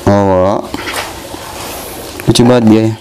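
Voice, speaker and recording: A young man, chatting casually in his vlog as he tends his birds and coaxes them in a higher voice. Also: steady tone, a little slow, dark tone. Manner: chatty, talks to birds in a coaxing voice. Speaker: vlogger and bird keeper. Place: outdoors among bird cages. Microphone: phone camera. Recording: noisy outdoor phone recording. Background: birds chirping.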